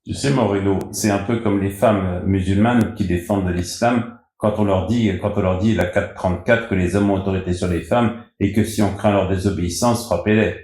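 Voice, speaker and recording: A man's voice: deep voice, steady tone, normal speed, few pauses, darkish tone. A man in a casual live discussion, explaining and rephrasing his points. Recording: roomy, echoing sound.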